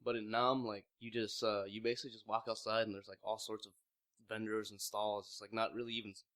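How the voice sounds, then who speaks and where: In a casual interview, a young Vietnamese clothing brand founder in his mid twenties rambles through his story, leaning on "like" and other fillers and often restarting. He speaks fast and flat, his voice on the low side and a bit bright.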